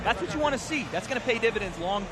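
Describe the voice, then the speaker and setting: A man's voice: high-pitched, lively intonation, very fast. A man giving conversational live fight analysis as a commentator at a boxing broadcast desk.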